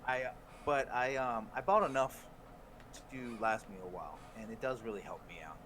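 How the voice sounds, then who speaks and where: A man's voice: mid-range voice, normal speed, a bit bright, slight background noise. A man co-hosting a podcast in casual chat, rambling and swearing, often laughing. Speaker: podcast co-host.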